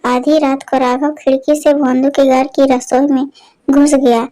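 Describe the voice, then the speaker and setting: High, even-voiced woman storyteller. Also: measured pace, rough recording. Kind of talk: scripted story narration.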